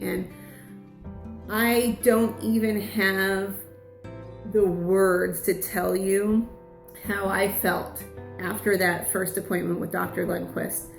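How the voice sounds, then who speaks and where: A woman's voice: medium pitch, creaky. A woman giving an earnest, heartfelt personal testimony to an audience as a patient, close to tears at times. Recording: roomy echo.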